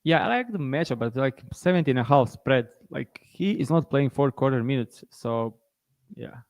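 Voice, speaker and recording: A man from Croatia, co-hosting a sports betting podcast in casual chat, halting and full of restarts and fillers. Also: medium pitch, animated, darkish tone, no room sound.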